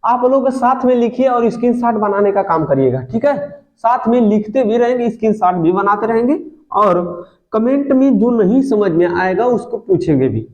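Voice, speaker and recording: High-voiced male teacher, echoey lo-fi. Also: lively intonation, normal speed. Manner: asks questions and answers them himself, stretches vowels to demonstrate. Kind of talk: exam-prep grammar lesson. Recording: dull lo-fi audio in an echoey room.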